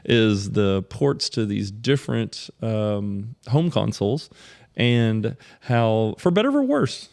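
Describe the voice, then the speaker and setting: A man hosting a casual podcast, chatty and animated, laughing often as he talks. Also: lowish voice, takes it slowly, creaky. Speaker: podcast host.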